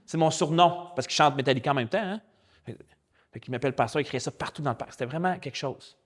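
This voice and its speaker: A man with a Québécois French accent, a pastor preaching a sermon in a lively, colloquial storytelling way. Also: on the high side, fast. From Quebec. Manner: animated, colloquial and chatty, with spoken English slang.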